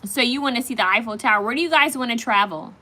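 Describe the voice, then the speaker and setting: On the high side and sharp in tone, this woman's voice moves fast. In her thirties, she casually livestreams, reads out what viewers write, pulls oracle card messages, and often starts her sentences over.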